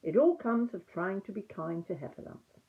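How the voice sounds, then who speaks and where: A woman voicing a slow-witted, mildly grumbling male bear in a children's storybook, with an artless manner. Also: mid-range voice, animated, narrow, tinny audio, close to an everyday voice.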